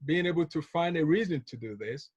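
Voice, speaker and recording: A man's voice: fairly high pitch, animated, fairly quick, a little mellow, slightly rough, no room sound, muffled recording. A man from Ghana giving a motivational business talk on a call, telling stories, repeating key phrases and chuckling often. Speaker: business trainer.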